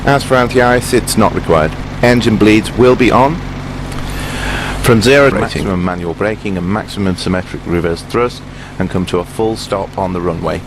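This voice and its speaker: A man speaking as an airline captain from the cockpit on a headset, giving announcements and a takeoff briefing in a measured, procedural way. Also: on the low side, noisy background. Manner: measured, procedural pilot delivery. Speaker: airline captain in a flight simulator roleplay.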